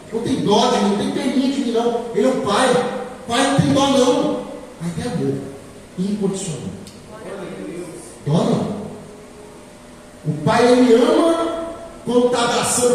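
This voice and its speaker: A man in his forties preaching a sermon as pastor, swinging between quiet reflection and loud emphasis. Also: sits high, slight background noise. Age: 40s. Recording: echoey hall from far off.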